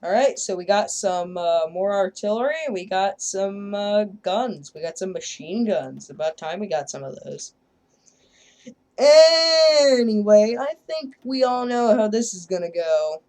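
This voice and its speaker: A woman casually commenting on her own strategy gameplay, joking and sarcastic, often trailing off quietly at line ends. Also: medium pitch, normal speed, hardly any pauses. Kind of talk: casual let's-play commentary.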